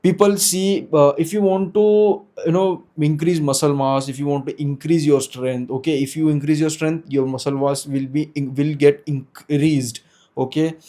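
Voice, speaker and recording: In a small indoor room, a fitness vlogger in his twenties talks unscripted to the camera in Indian English, his native language being Hindi. His voice is a little high, warm and steady, at a moderate pace. He sounds hesitant, often restarting and correcting his sentences.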